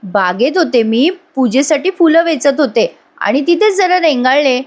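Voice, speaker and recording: A woman's voice: high-pitched, animated, moderate pace, pitched above the performer's own voice. A woman voicing a caring young wife who questions her husband earnestly.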